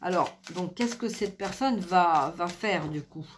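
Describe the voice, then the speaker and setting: A middle-aged woman giving a spiritual card reading, hesitant with many fillers, speaking softly because she is losing her voice. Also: on the low side, measured pace, noisy background. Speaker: tarot card reader.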